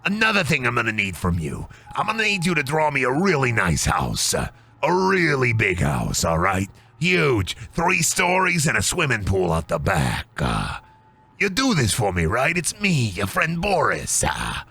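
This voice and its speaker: Man improvising a shady cartoon wolf buddy: gravelly, wheedling, swoopy pitch. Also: wildly swooping pitch, measured pace, sharp tone, full character voice. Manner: wheedling, streetwise, demanding favors. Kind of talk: improvised comedic character voice.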